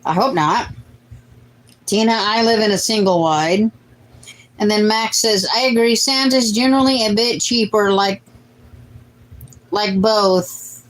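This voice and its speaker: A woman's voice: medium pitch, measured pace, pauses often, low-quality recording. A woman in her late forties hosting a casual family livestream, chatting and reading viewer comments aloud. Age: late 40s. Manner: chatty, reads out comments and answers them. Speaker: host of a family cooking livestream.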